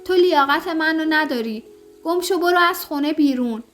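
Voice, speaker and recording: A woman reading the part of a harsh, angry young husband in an audio story, contemptuous and shouting. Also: sits high, soft background music.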